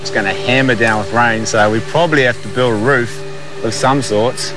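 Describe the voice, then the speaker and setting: A man's voice: mid-range voice, normal speed, music in the background, poor audio. A man with a broad New Zealand accent chatting casually and bluntly in matey slang outdoors. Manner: laid-back, matey, blunt slangy talk. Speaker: survival show adventurer. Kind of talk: casual unscripted chat and on-camera commentary. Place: outdoors on a river and in wetlands.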